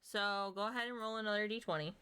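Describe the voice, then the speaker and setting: A woman narrating as game master of a tabletop game, casual and chatty, quick to laugh. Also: mid-range voice, pushed and bright, slight background noise.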